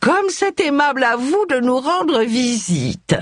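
A woman's voice: high-pitched, very animated, slow, no echo, clean studio sound, voice pushed up, heavily acted. A woman voicing a composed, sarcastic elderly aunt with a nasal voice in an audiobook.

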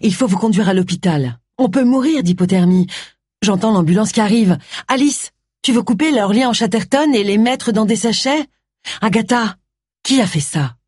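A woman's voice: medium pitch, expressive, normal speed, darkish tone, husky, no room sound, clean studio sound, pitched above the performer's own voice. Woman voicing a firm male police detective.

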